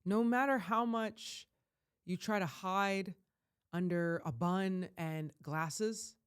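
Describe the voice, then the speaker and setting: A life coach rants in an impassioned vlog monologue, her lowish voice clear and resonant at a slow pace. She is emphatic, surging to loud peaks, and rambles with frequent restarts.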